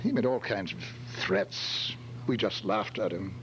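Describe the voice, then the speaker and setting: In an old-time radio detective drama, a man plays a jumpy, well-off businessman who hesitates and stammers while anxiously recalling events. His lowish voice is unhurried and lightly acted. Faint hum and radio-like background noise sit under the recording.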